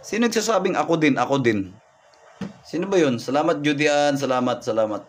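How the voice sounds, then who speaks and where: A man's voice: a little high, animated, fairly quick. A man working as a folk healer, reading signs live on stream, repeating himself and thanking viewers by name over faint background noise. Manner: repetitive, thanks viewers by name, points things out.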